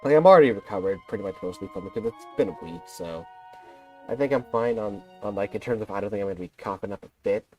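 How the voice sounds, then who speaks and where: Soft music plays behind a young streamer whose lowish, darkish voice moves fast as he chats on a game livestream via headset mic. He rambles, runs himself down, and still sounds slightly off after being ill.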